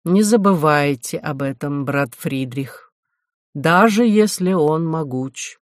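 A reader voicing a stern, scheming older medieval bishop who talks slowly and quietly in an audiobook. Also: medium pitch, lively intonation, no room sound, studio quality. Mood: stern, cold. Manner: slow, measured, quiet.

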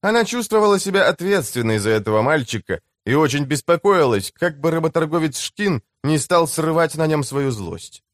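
A man's voice: on the high side, lively intonation, normal speed, hardly any pauses, dry recording. Man narrating an audiobook, dry sound. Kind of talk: scripted narration.

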